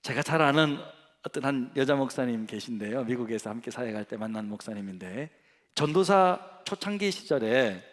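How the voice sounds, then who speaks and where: A middle-aged man preaching a sermon as senior pastor, telling stories in an animated way and acting out the dialogue. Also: medium pitch, normal speed. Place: large church sanctuary. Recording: long church hall reverb.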